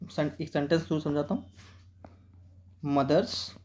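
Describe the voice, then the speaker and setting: A man with an Indian accent teaching an exam-prep English lesson, reading English sentences out slowly and often checking with students. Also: high-pitched, lively intonation, mellow.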